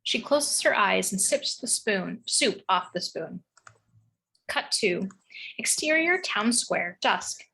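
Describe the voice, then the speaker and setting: A woman's voice: medium pitch, lively intonation, slow, creaky, sharp tone, husky, rough recording. A woman narrating the stage directions of a script in a read-through.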